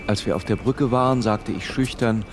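A man with a fairly low voice narrates a radio drama in a measured, grave first person. A faint ambience sits under his voice. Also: noisy background.

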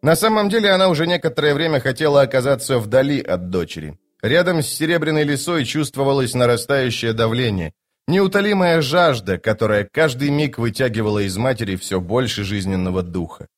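A man narrating an audiobook in a measured, even reading. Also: medium pitch, soft background music. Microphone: home recording.

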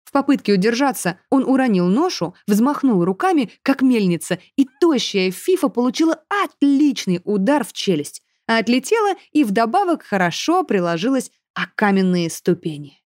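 Woman reader, lively storybook narration, fairly high voice, dry close sound. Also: moderate pace, few pauses, dry recording. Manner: expressive, animated reading. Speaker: audiobook reader. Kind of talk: first-person storybook narration.

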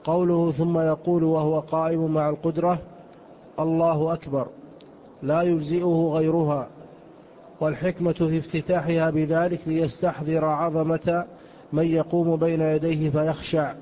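A man reading a religious text aloud in a lesson, in a steady, formal way. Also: on the high side, moderate pace. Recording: muffled lo-fi lecture recording.

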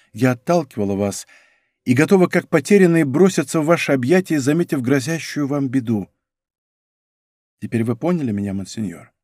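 A man voicing a tender, devoted young noblewoman in an audiobook, speaking softly and earnestly. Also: mid-range voice, no room sound, clean studio sound, close to an everyday voice.

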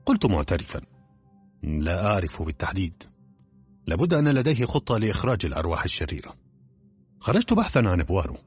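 Low, husky male narrator for an audiobook, steady telling, soft music bed. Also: big-room sound. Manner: steady storytelling.

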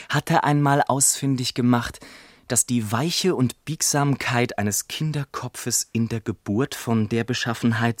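A man's voice: medium pitch, dry recording, studio quality. Wry male radio play narrator. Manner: wry storyteller, bursts into excited quoted outcries.

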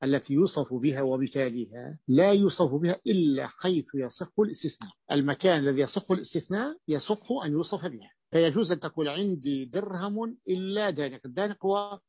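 A man's voice: a little high, fast, hardly any pauses, husky, no room sound. A man teaching a grammar lesson as sheikh, explaining and quizzing his students with frequent restarts. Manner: explanatory, asks students questions, many restarts. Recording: dull lo-fi dry recording.

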